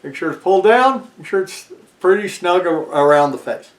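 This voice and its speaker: A man's voice: sits high, expressive, moderate pace. An American man in his sixties explains things casually to camera, speaking slightly muffled through a face mask. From lives in Texas, United States. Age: 60s. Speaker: video presenter. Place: small furnished room indoors, seated in armchair. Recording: echoey small room.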